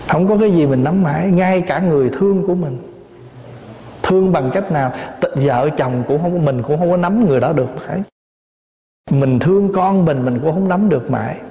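Brief: male monk, dharma talk in a big hall, slightly raised pitch, storytelling with rhetorical questions, echoey lo-fi recording. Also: fairly quick, mellow. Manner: plain storytelling with rhetorical questions and light humor. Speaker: Buddhist monk teaching dharma. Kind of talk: dharma talk to lay audience. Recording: echoey hall, dull lo-fi sound.

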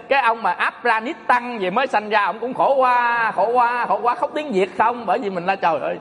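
Male monk, folksy joking sermon, high voice, long hall reverb. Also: fairly bright tone, a little hiss or hum. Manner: folksy, joking, addresses audience often. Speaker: Buddhist monk teacher. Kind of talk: Dharma talk sermon.

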